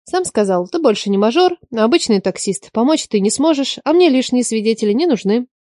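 A sharp-tongued young woman teacher, put on by a male audiobook reader, answering in curt, cool, sarcastic lines. The voice sits well above the reader's own, dry and close to the mic. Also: very high-pitched, expressive, brisk, no echo, voice pushed up. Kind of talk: audiobook character voice.

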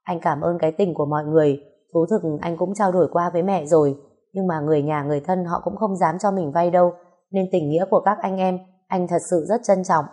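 A woman's voice: on the low side, steady tone, fast talker, dark tone, natural voice. Woman voicing a blunt middle-aged son. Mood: grave. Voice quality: earnest, persuasive.

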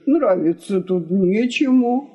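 Ironic male houseguest, drawn out and slow, done by a woman reader. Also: mid-range voice, animated, dark tone, breathy edge, highs cut off. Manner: mock-sympathetic, ironic.

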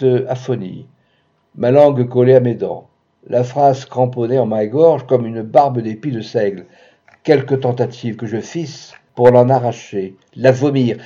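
A man giving a dramatic reading of a literary story, expressive, with sudden loud bursts. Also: medium pitch, lo-fi sound.

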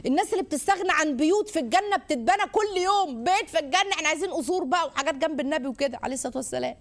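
An Egyptian woman hosting a live religious advice show. She exhorts and gently teases her callers in an animated way. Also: sits high, very fast. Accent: Egyptian Arabic. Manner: animated, exhorting, warmly teasing. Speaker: host answering viewer questions.

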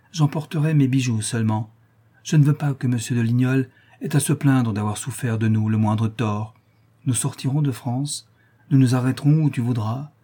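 A man voicing a young noblewoman in love, reading an audiobook of a classic novel with a soft, pleading delivery. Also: medium pitch, breathy edge, natural voice. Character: young noblewoman, tender and impassioned lover.

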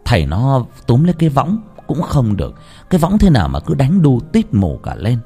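A man tells a ghost story in a dramatic, drawn-out style. His voice swings widely in pitch at a middle register. Faint music plays behind him. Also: breathy edge. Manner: expressive, drawn-out storyteller delivery.

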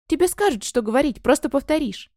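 A woman's voice: high voice, expressive, fairly quick, warm tone, no echo, studio quality, pitched above the performer's own voice. A woman voicing a scheming young noblewoman in a storybook, pushy and insinuating. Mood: coaxing.

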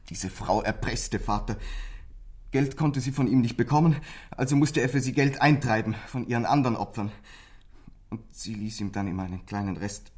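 The role is a troubled teenage boy in a German radio crime drama, played by an actor who sounds bitter and scared. His natural, mid-range voice has a darkish, husky, breathy tone, and he confides bitterly in an intense, halting manner.

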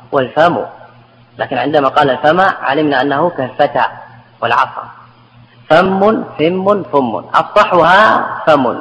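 A man's voice: medium pitch, fairly bright tone. A man teaching a grammar lesson, explaining step by step, repeating word forms and quizzing his students. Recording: reverberant hall, faint background noise.

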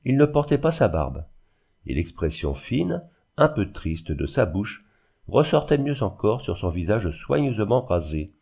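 A man narrating a literary audiobook in a measured, even storytelling manner. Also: lowish voice, gravelly, slightly rough.

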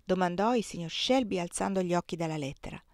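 A woman reading a classic novel aloud as an audiobook, narrating calmly and evenly. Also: lowish voice, fast talker, no room sound, studio quality. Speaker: reader.

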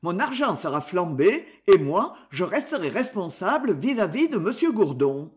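A male reader voicing an agitated older uncle who blusters and coaxes, in an animated way. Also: high voice, normal speed. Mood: blustering.

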